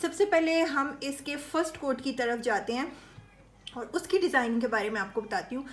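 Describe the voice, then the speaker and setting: A woman's voice: high-pitched, moderate pace. A woman gives a step-by-step dress design tutorial in a chatty way. She often stops to check in with her viewers. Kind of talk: instructional sewing tutorial.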